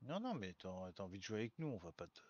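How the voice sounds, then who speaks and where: A man's voice: on the low side, big pitch swings, fast. Gamer guy on squad voice chat, teasing banter, slightly muffled line. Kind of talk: casual gaming chat.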